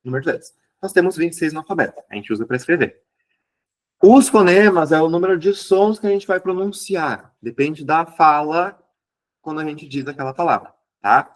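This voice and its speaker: Gaúcho teacher, high voice, keeps asking "tá?". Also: male voice, moderate pace. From southern Brazil. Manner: explanatory, checks in with frequent "tá?". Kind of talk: exam review lesson.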